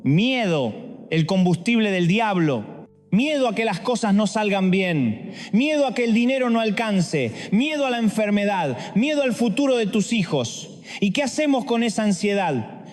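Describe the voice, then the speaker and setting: A man preaches a sermon, his voice high for a man. He hits his listeners with one rhetorical question after another, jumping from loud to hushed. His words ring out with a long, lingering reverb. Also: big pitch swings, normal speed.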